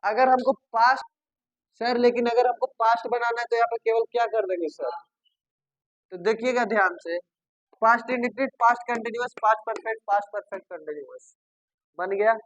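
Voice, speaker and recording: A man's voice: extremely high pitch, brisk, a bit bright, dry recording, muffled recording. A male teacher giving a grammar lesson, repeating terms and asking and answering his own questions. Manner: repetitive, addresses students as babu and sir, asks and answers himself.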